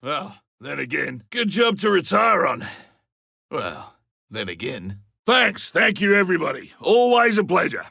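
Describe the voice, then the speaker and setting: Griffin, gravelly old veteran monster hunter. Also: male voice, a little high, wildly swooping pitch, measured pace, pushed and bright, no room sound, clean studio sound, full character voice. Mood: wry, alert. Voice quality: gruff, gravelly. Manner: colloquial, wry, theatrical. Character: ageing veteran monster hunter, gruff, cocky and stubborn. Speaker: playable game character. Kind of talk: video game combat voice lines.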